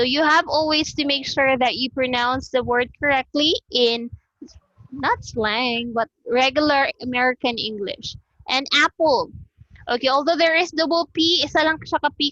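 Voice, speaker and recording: A woman's voice: high-pitched, fairly bright tone, no room sound, muffled recording. A woman teacher with a Cebuano Filipino accent giving an online class lecture over a video call. She switches between English and Cebuano and repeats sounds as she explains them.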